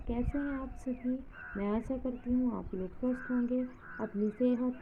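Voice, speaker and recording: A woman presenting a vlog as a teacher, addressing her viewers directly. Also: fairly high pitch. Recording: tinny phone-like sound, faint noise.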